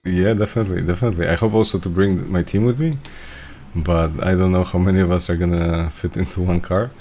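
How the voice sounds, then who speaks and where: A man's voice: deep voice, fairly even intonation, quick pace, mellow, slight background noise. A man in a casual online chat, joking and laughing a lot.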